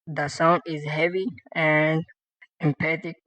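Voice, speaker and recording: In this dull lo-fi clip with faint music behind it and no room echo, a male teacher with a fairly high, flat voice slowly teaches Quran pronunciation to beginners. Each letter sound comes several times and louder, while his explanations stay simple and brief.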